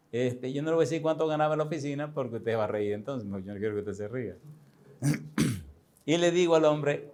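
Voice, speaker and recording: A man's voice: fairly high pitch, a little mellow. A man in his sixties, a pastor, tells a personal story in a sermon, speaking conversationally, addressing listeners directly and chuckling often. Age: 60s.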